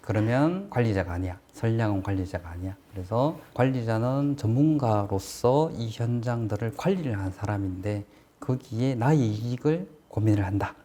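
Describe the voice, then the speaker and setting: A man's voice: on the low side, expressive, normal speed, mellow. A man giving a casual explanatory lecture on construction management, plain-spoken and asking rhetorical questions as he teaches.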